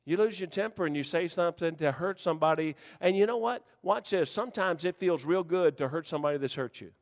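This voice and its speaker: Male pastor, high-pitched, folksy and teasing, loud to hushed, church reverb. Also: fast talker. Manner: folksy, joking preacher who swings from shouting to hushed. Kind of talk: sermon.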